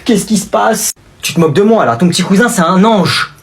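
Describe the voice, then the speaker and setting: A man's voice: high voice, lively intonation, a little fast. A man voicing a fed-up aunt who lectures and scolds in a comedy sketch. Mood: fussing. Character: stern, fed-up aunt and mother.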